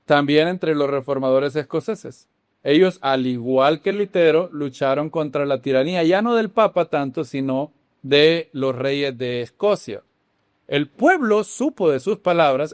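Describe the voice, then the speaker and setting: A man teaching in a sermon style, animated, often asking his audience questions and dropping into hushed dramatic lines. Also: a little high, no echo, studio quality. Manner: animated, with sudden swings between loud exclamations and hushed dramatic lines. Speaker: Bible teacher.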